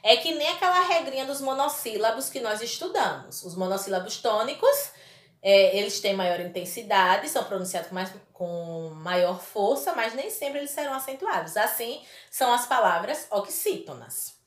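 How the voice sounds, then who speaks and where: A Brazilian woman with a fairly high, lively voice teaches a primary school class, speaking at a normal pace in a reverberant space. She addresses the children affectionately and emphatically, drawing out the key words in this recorded lesson.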